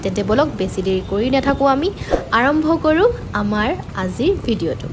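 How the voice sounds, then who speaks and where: A woman's voice: fairly high pitch, lively intonation, very fast, noisy background. A young woman greeting her viewers in a cheerful, chatty vlog intro, filmed on a night-time city street with a phone held at arm's length. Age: young adult. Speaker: vlogger.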